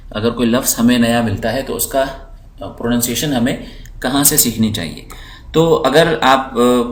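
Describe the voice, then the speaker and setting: A man teaching English, explaining slowly and patiently while walking through dictionary and translation tools on his screen, often repeating words for learners. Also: medium pitch. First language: Urdu. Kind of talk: screen-recorded lesson.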